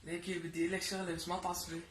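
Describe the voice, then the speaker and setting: A man's voice: high-pitched, monotone, very fast. A young man with a Levantine Arabic accent, chatting casually and a little hesitantly on a phone call. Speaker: YouTube co-host. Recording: echoey room, faint noise.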